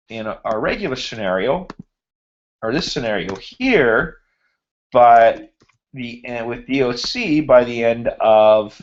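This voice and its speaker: This man speaks at a medium pitch while leading a finance class online, walking through a spreadsheet on screen share. He goes slowly, thinking out loud as he formats cells, clearing his throat as his voice gives out. Audio from his computer's mic on the video hangout is lo-fi.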